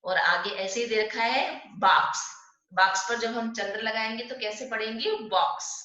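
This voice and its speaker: A woman teaching a primary school Hindi class online, asking questions and answering them herself, drawing out sounds slowly. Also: fairly high pitch, fairly even intonation, pushed and bright. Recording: dull lo-fi echoey room.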